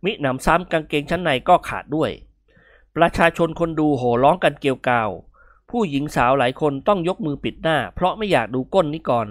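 A man narrating a comic story aloud in a lively, expressive reading. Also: fairly high pitch, fairly quick, dry recording, studio quality.

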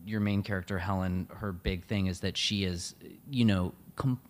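A man interviewing an author on stage, asking measured questions in a relaxed way. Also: sits low.

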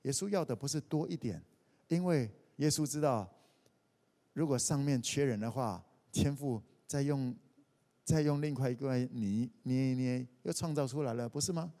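A man preaching a sermon as a pastor, animated, acting out the voices in his stories and often dropping "OK". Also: medium pitch, normal speed. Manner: animated, acts out quoted voices, frequent "OK". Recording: long reverb of a hall.

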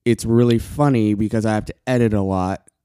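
Quiet, halting man with a low, flat voice. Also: clean tone. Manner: quiet, halting, pauses often for breath. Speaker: podcast host. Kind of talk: casual solo podcast talk.

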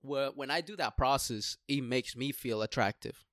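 A man's voice: mid-range voice, moderate pace, fairly bright tone, no room sound. Frat-bro young man, dry close sound. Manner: frat bro, slangy and profane. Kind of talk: casual chat.

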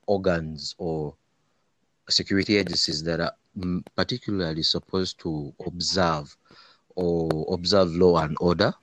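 Very deep-voiced Ugandan East African man. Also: a bit bright, no room sound. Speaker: interview guest, human rights lawyer. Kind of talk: conversational interview answers.

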